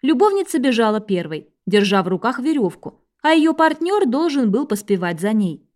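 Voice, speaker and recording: A woman narrating a scripted history text in an even, measured reading voice. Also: fairly high pitch.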